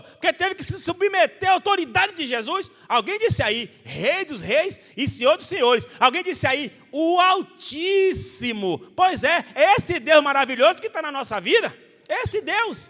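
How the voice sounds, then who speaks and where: A Brazilian man preaching a Bible study sermon as pastor, telling stories with animation and acting out the voices of the people in them. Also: very high-pitched. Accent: Brazilian Portuguese. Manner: animated storytelling, acts out quoted voices. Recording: hall reverb.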